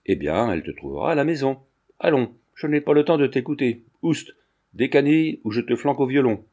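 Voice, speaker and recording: A man reading a storybook, voicing a gruff but kindly old army sergeant who scolds and blusters. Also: mid-range voice, lively intonation, brisk, mellow, close to an everyday voice. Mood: scolding. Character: gruff, good-natured old army sergeant park keeper.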